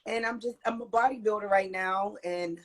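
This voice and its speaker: A woman in her forties from Pittsburgh, a hoarse and tired interview guest on a video call, talking haltingly with many fillers. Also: medium pitch, fairly even intonation. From Pittsburgh, United States. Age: 40s. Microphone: video call on a phone.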